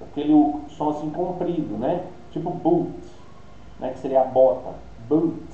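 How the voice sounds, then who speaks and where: A man's voice: on the high side, fairly quick. Brazilian man teaching English online. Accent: Brazilian Portuguese. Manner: explanatory, thinking aloud with many tag questions. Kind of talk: online class lecture. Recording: roomy, dull lo-fi sound with faint hiss.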